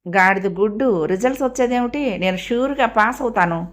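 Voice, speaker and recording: A woman voicing an excitable young woman, a younger sister who talks eagerly and fretfully in an audio story. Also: medium pitch, normal speed, lightly acted.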